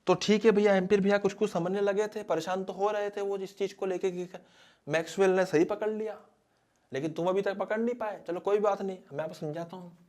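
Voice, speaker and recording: A man's voice: high-pitched, brisk. A man teaching physics as a dramatic story, talking straight to his students. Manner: animated, dramatic storyteller who addresses students directly.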